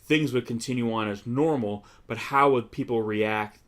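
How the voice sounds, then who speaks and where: A man's voice: medium pitch, normal speed. A man co-hosting a casual movie commentary, rambling and joking as he explains his points. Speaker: podcast co-host.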